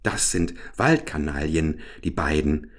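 Wild little robber girl, bossy and threatening, higher than the reader's deep voice, done by a man. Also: expressive, unhurried, full character voice.

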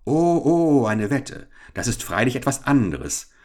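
A man voicing a scheming English police captain who talks overly loud and wails theatrically. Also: medium pitch, sing-song, unhurried, pitched above the performer's own voice. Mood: fawning.

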